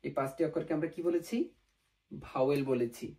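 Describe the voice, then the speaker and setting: A man's voice: medium pitch, brisk, mellow, far from the mic, low-quality recording. A man teaching a language class, going through syllables one at a time and repeating warnings to be careful. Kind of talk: lesson.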